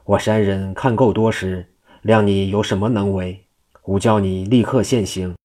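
A man's voice: lowish voice, steady tone, moderate pace, darkish tone, lightly acted. A man reading the lines of a cocky male Daoist immortal in a storybook tale, taunting his rival.

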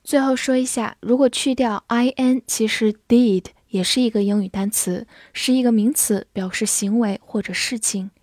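A young woman gives a vocabulary lesson in Chinese with English examples, her voice fairly high. She explains patiently and slows down to spell and drill each word. The sound is close and dry. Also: steady tone, darkish tone, no room sound.

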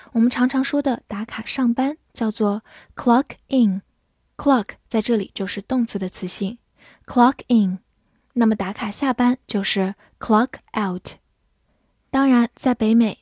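Breathy woman teaching English words. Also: on the high side, a little mellow, no room sound, clean studio sound. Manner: clear, patient, repeats words slowly. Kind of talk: vocabulary lesson.

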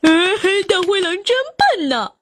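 A woman's voice: very high-pitched, huge pitch swings, moderate pace, full character voice. Woman doing a whiny trickster bear. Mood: gleeful. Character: colorful clumsy male bear, sly trickster. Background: children's music.

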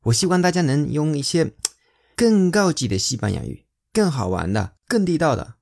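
A man gives a language lesson at an unhurried pace. His pitch swings widely as he leans hard on example words, and he repeats phrases slowly and clearly so learners can follow. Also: sing-song, darkish tone. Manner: exaggerated emphasis on example words. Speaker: Spanish teacher.

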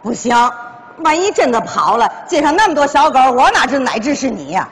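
A flustered, scheming mother. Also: high voice. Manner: quick-witted, flustered, full of exclamations. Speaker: mother in a stage sketch. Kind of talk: stage comedy sketch. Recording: stage recording with steady noise.

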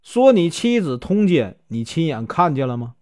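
A man's voice: on the high side, sing-song, normal speed, darkish tone, no echo, studio quality. A stern, scolding county magistrate questioning a scholar, as a man puts him on. The voice rises a little and moves a lot. It comes from a spoken folk tale.

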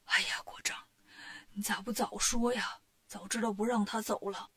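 A woman voicing a weak, gullible male king in a storybook, talking feebly in a breathy half-whisper. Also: fairly high pitch, normal speed, fairly bright tone. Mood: feeble.

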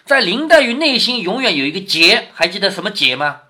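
A man reads a classic novel to his daughter, often stopping to explain things and ask her questions, giving running commentary on the story. His voice sits high with a sharp tone, very animated and a little fast.

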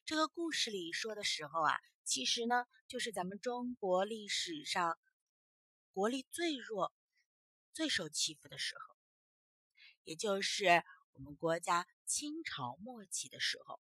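A woman telling a children's story as a storyteller, in an expressive, emphatic way. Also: medium pitch, unhurried, husky, no room sound.

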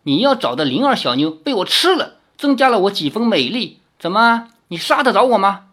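A woman voicing a cruel female fox demon in an audiobook, with shrill, taunting laughter. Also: big pitch swings, brisk, a bit bright.

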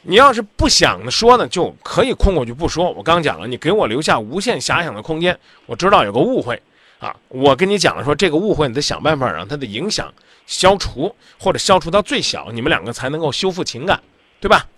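A man's voice: on the high side, very animated, a little fast, pushed and bright, slightly rough, no echo. A man hosting a radio call-in advice show, talking bluntly and insistently, lecturing the caller.

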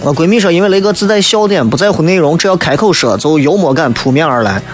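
A man's voice: on the high side, lively intonation, fast, soft background music. A man in his thirties with a Shaanxi accent from Xi'an, hosting a humorous radio chat in a joking, mock-exasperated manner. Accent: Shaanxi (Xi'an) Chinese. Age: 30s. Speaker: radio show host. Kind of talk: humorous radio chat, reading listener messages.

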